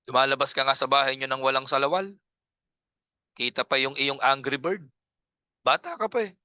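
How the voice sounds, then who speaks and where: A man's voice: medium pitch, bright, forceful tone, no room sound, highs cut off. A man coaching public speaking in a casual online class, joking and teasing his students, talking into a laptop from a nipa hut on his farm. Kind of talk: casual online training talk. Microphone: laptop on a video call.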